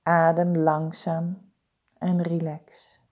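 A woman leading a guided body-scan meditation, giving calm, soothing, deliberate instructions with pauses. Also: low voice, dull audio.

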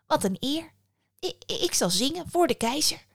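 A woman voicing a cheerful, humble little male nightingale in a storybook tale, speaking with bright, modest politeness. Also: high-pitched, sing-song, normal speed, dry recording, clean studio sound, voice pushed up.

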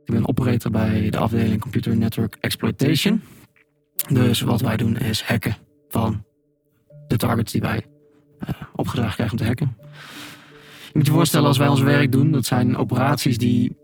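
A man whose voice has been run through a deep pitch-shift filter to keep him anonymous. The altered voice comes out flat in intonation and somewhat husky. He talks in a measured, careful way, explaining things step by step. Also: faint music behind. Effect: voice disguised with a deep pitch shift. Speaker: government hacker interviewed anonymously. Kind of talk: interview answers, explaining plainly.

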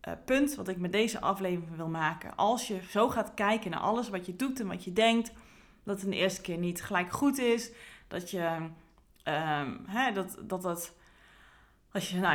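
A woman's voice: mid-range voice, a bit bright. A woman, a career coach, talking earnestly in a reflective podcast monologue with frequent fillers and restarts.

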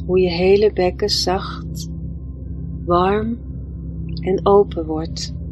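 A woman leading a guided meditation in a soft, soothing, gentle voice, leaving long pauses between phrases. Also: on the low side, steady tone. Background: music.

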